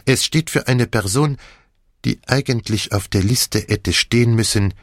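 A man's voice: mid-range voice, a little slow, no room sound, clean studio sound, pitched above the performer's own voice. A man voicing a fussy, commanding elderly Belgian detective who speaks German with a French accent in a precise, formal way. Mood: explaining. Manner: precise, formal, lightly theatrical.

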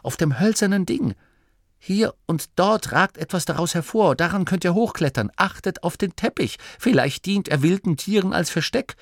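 Man doing a high, urgent little nome hero. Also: very animated, moderate pace, gravelly, no echo, studio quality.

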